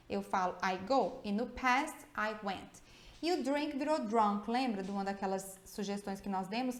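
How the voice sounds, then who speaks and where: A woman's voice: a little high, roomy sound. A Brazilian woman teaching English grammar in a video lesson, explaining step by step and often checking in with tag questions. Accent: Brazilian Portuguese.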